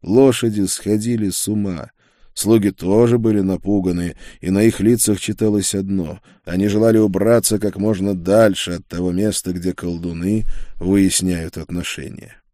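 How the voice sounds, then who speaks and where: Casting: male audiobook narrator, low mellow voice, steady measured reading, fantasy novel. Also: dry recording, clean studio sound.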